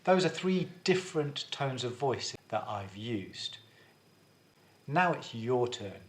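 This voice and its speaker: A male drama teacher giving a video lesson, explaining things clearly and guiding students step by step. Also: mid-range voice, big pitch swings, slow pace.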